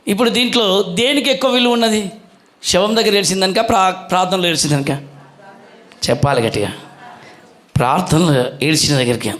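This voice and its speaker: A man's voice: high voice, fairly quick, long pauses, a bit bright. A male pastor preaching a sermon, questioning the congregation and calling for their answers.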